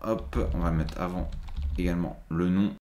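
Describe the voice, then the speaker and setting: Man, lowish voice, tech tutorial, hesitant explaining, roomy echo, keyboard typing behind. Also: moderate pace, slight background noise. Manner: steady explanatory, frequent hesitations. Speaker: IT tutorial presenter. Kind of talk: screen-recorded tech tutorial.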